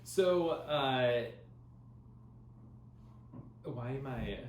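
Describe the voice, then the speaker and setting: A man co-hosting a podcast, casually recapping a sitcom episode in a rambling, animated way full of filler words. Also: mid-range voice, very slow. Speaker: podcast co-host. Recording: echoey room with faint ambient noise.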